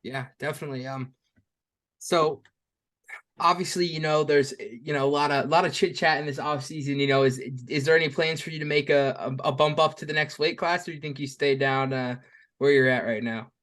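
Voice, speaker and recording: A male podcast host with a fairly high-pitched voice. He leads a casual interview, winding into each question through strings of "you know" and "um". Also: steady tone, a little fast, a bit bright. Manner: rambling, many "you know"s.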